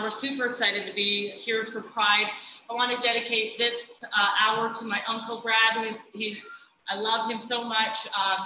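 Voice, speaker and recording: A high-voiced woman hosts a live animal trick show with excitable, chatty commentary, often slipping into coaxing endearments for her animals. She is heard from a distance through heavy echo, with clear background noise. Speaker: dog trainer and show host. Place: out in the country. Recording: roomy echo, distant dull mic, noisy ambience.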